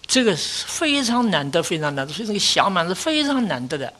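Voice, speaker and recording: Buddhist dharma lecture, rhetorical questions, rising emphasis, low falling conclusions. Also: sing-song, fairly quick, bright, forceful tone. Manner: often lifts pitch and volume for emphasis, drops low at conclusions. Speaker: Buddhist teacher.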